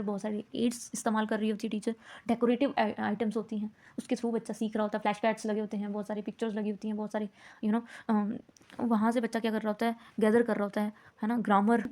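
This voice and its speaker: Mellow-voiced woman lecturing. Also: a little high. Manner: mixes English terms into Hindi, frequent "है ना?" checks. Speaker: teacher educator. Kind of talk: explanatory lecture.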